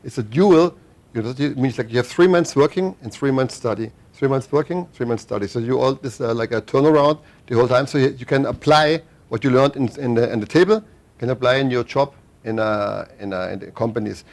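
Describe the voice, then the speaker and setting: Middle-aged German-accented man, rapid run-on talker with restarts, gravelly texture. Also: medium pitch. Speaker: interview guest. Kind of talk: casual interview.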